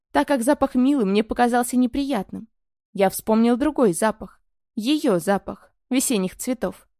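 A woman reading a first-person romance novel aloud in a calm, even storytelling manner on a close mic. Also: on the high side, no room sound. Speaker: audiobook narrator.

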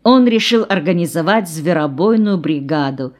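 A woman narrating an audiobook in a calm, measured reading voice. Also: on the low side. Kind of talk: scripted narration.

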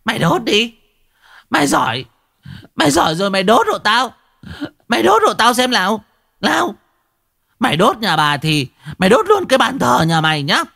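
A man voicing a foul-mouthed old village woman who hurls rapid-fire curses and drawn-out wailing laments. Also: extremely high pitch, big pitch swings, vocal fry, bright, forceful tone, pitched above the performer's own voice, heavily acted. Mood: cursing.

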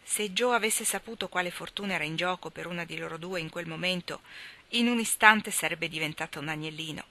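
Narrator: woman, steady audiobook reading, lower-pitched, bright. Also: fairly quick. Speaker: reader.

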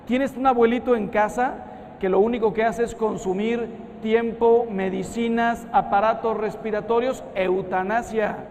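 Mexican priest, 50s, high-pitched storyteller, reverberant hall with faint room noise. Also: male voice, moderate pace. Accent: Mexican Spanish. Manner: animated, acts out quoted voices. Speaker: priest giving a talk. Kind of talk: storytelling sermon.

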